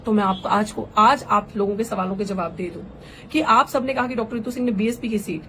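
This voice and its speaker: A woman's voice: medium pitch, brisk, fairly bright tone, a little hiss or hum, rough recording. A young woman political activist giving an impassioned address, fervent and rhetorical, firing off pointed questions. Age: young adult.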